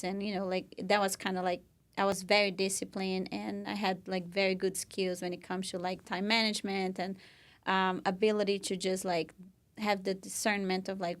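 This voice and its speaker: With a mid-range voice, a young Brazilian woman co-hosts a podcast, her Brazilian Portuguese accent audible as she tells her own story. Her manner is earnest and casual, full of "you know" and "like."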